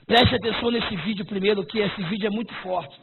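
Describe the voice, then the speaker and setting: A high-pitched male preacher drives his sermon with fervent, shouted exhortations. The sound is thin and phone-like. A clear layer of noise sits under the voice. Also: brisk. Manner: fervent, often breaking into shouts. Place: church service. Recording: tinny lo-fi recording with noise.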